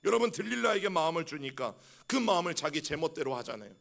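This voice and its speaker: A man's voice: on the high side, sing-song, fast talker, gravelly, fairly bright tone. A middle-aged male senior pastor preaching a sermon with passion, often calling out to his congregation and acting out heartfelt prayers. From South Korea. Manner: impassioned preaching with repeated direct address to the congregation; acts out heartfelt prayers aloud.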